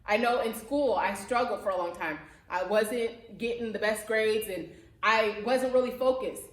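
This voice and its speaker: A woman's voice: mid-range voice, unhurried. A woman youth pastor giving a conversational sermon, speaking in an earnest, plain-spoken, encouraging way directly to her listeners. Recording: echoey room.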